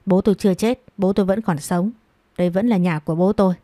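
A woman's voice: mid-range voice, fast, dark tone, no echo, close to an everyday voice. A woman voicing a wronged young woman who answers back in a choked, defiant voice. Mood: hurt defiance.

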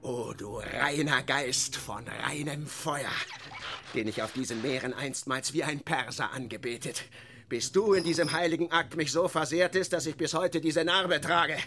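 Defiant old sea captain for radio drama: gravelly, drawn-out, storm noise under the voice. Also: male voice, on the high side, a bit bright. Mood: fervent defiant. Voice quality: gravelly, declaiming, fervent.

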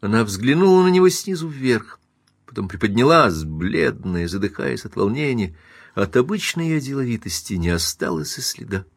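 A man reading a classic novel aloud as audiobook narrator, even and measured. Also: on the low side, breathy edge, no echo, studio quality. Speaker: audiobook reader.

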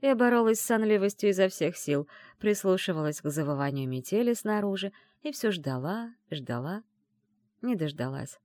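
A woman reading a first-person story aloud as an audiobook, telling it in an emotional, expressive way. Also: medium pitch, normal speed, no echo, studio quality. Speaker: audiobook reader. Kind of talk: scripted first-person narration.

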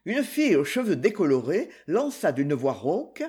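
An audiobook narrator reading a crime novel in a measured storytelling manner. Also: mid-range voice, very animated, mellow, breathy edge. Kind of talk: scripted narration.

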